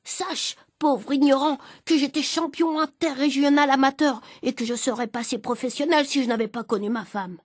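A stout, pompous neighbor full of mockery and bragging, acted out by a woman reading aloud. He speaks in a fairly high voice with a lofty, needling manner. The recording is close and dry. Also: steady tone, normal speed, few pauses, dry recording, natural voice. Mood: mocking, pompous. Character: pompous portly middle-aged neighbor, mocking and boastful.

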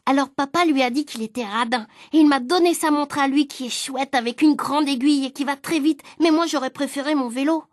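A woman reading a children's story aloud in the voice of the boy narrator, lively and expressive. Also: high voice, a little fast, few pauses, no echo, clean studio sound.

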